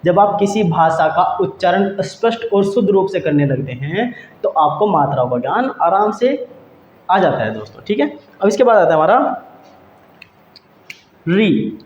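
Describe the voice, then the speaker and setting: A man teaching a grammar lesson for exam students. He talks patiently, says each word slowly and repeats it, and often calls his listeners friends. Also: high voice, very animated, darkish tone. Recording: dull, echoey room with faint hiss.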